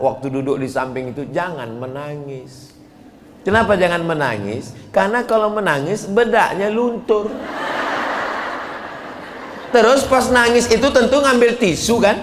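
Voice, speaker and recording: Animated male preacher in an echoey hall. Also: sits high. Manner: animated, acts out dialogues, chants Arabic. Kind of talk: humorous sermon to a crowd. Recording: echoey hall, faint noise.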